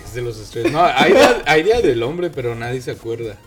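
A deep-voiced man with a Mexican accent co-hosting a casual podcast chat, joking and mixing English words into his Spanish. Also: sing-song, brisk, over music. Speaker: podcast co-host.

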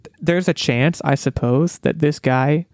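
A man's voice: fairly high pitch, a little slow, a little mellow, no echo, clean studio sound. Man chatting casually, musing aloud. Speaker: podcast co-host. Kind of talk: casual chat.

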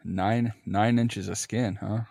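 A man's voice: fairly low pitch, fairly even intonation, slow, creaky, darkish tone, no echo, studio quality. A man co-hosting a podcast, laid-back and swearing freely in a casual chat. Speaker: podcast co-host.

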